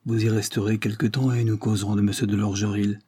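A man reading an audiobook and voicing a stern, grieving aristocratic mother, with formal, measured speech. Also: level tone, dark tone, husky. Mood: sorrowful. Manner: formal, measured, voice raised higher for her.

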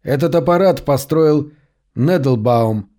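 A man's voice: medium pitch, takes it slowly, lightly acted. A man reading the lines of a grown son with an everyday male voice. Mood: calm. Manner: desperate, pleading shouts. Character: grown son, frantic then commanding.

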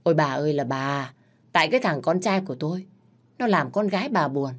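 A woman voicing an older father-in-law who defends his daughter-in-law and calms the others. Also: deep voice, brisk. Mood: placating.

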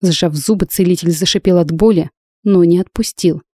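A woman's voice: lowish voice, moderate pace, dark tone, breathy edge, no room sound. A woman narrating a first-person fantasy audiobook with intense, emotional delivery, recorded close to the mic.

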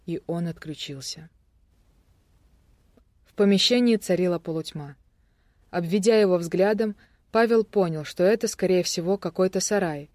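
A narrator giving a steady, even audiobook reading of a thriller. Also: medium pitch, dry recording.

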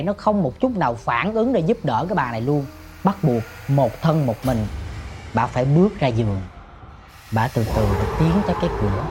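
Dramatic male ghost story narrator. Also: mid-range voice. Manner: swings from hushed murmurs to sudden shouts; addresses listeners directly.

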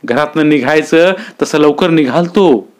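A man's voice: a little high, close to an everyday voice. A man voicing a frightened village watchman who speaks hesitantly in a storybook reading. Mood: shaken. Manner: hesitant, halting. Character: shaken village watchman, halting speech.

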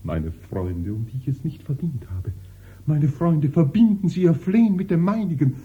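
A man's voice: a little high, lively intonation, moderate pace, husky. An actor playing a young nobleman who begs his beloved for forgiveness, often sinking to a whisper, in a classic radio drama. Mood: pleading. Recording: muffled old radio recording.

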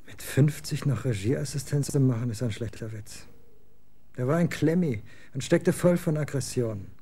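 In a German radio drama, an actor voices a scornful, moody rocker son of twenty, speaking in blunt slang and quickly getting worked up. The delivery is lightly acted, with a husky, mid-range male voice.

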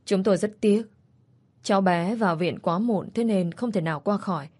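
A woman's voice: mid-range voice, normal speed, darkish tone, natural voice. A woman reading a grave, formal doctor. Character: solemn hospital doctor.

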